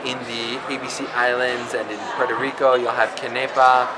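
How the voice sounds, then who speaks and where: Speaking to camera in a public space in Barbados, a man who is not from Barbados gives a conversational introduction to linguistics as a lecturer. His mid-range voice is flat and moderately paced, and he keeps checking in with listeners by asking "right?". Heavy background noise fills the recording.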